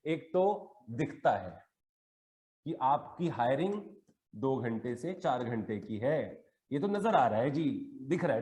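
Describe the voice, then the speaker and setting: A man's voice: fairly high pitch, a little mellow, reverberant. A man teaching an economics class, explaining with everyday examples and often checking that students understand. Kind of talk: classroom lecture.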